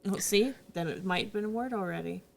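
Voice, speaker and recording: A woman's voice: mid-range voice, a little fast, vocal fry, soft background music. A woman co-hosting a podcast, chatting casually with playful, giggly banter. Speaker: podcast co-host. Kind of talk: casual chat.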